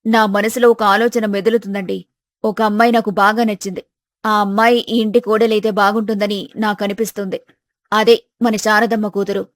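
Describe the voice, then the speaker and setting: A woman playing a determined middle-aged mother in a storybook tale, in her own mid-pitched voice. She is insistent and scolding, and the recording is dry and close. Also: no room sound, close to an everyday voice. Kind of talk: storybook voice acting.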